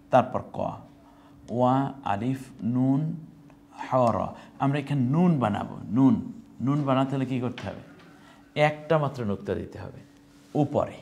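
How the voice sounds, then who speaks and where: A man's voice: on the low side, gravelly, a little mellow. A male Quran teacher giving an online lesson, drilling Arabic letters one by one and asking then answering his own questions.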